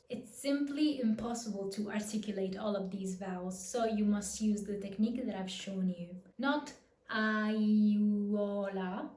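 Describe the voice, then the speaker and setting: A woman teaching a pronunciation lesson, patient and clear, demonstrating each word slowly and repeating it. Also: medium pitch, dark tone, roomy sound. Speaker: language teacher.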